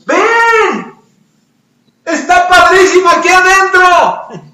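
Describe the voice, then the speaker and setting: A man's voice: takes it slowly, full character voice. A man voicing small frogs calling out eagerly from inside a jar in a sermon story. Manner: high excited calling voice. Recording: roomy echo, distant, dull lo-fi.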